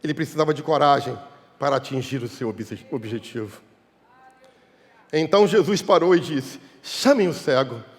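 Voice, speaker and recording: A Brazilian man preaching a sermon as a pastor, swinging between shouted cries and low, quiet asides. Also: animated, moderate pace, long pauses. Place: church hall. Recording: long hall reverb.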